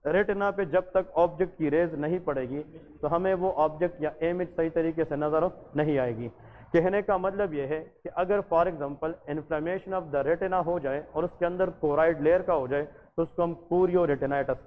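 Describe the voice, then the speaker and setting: A man gives an exam-focused medical lecture in a fairly high voice, switching between English terms and Hindustani and firing questions at the class before answering them himself. The audio is thin and phone-like. A long reverb trails behind each phrase. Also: normal speed, a little hiss or hum. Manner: addresses listeners as janab.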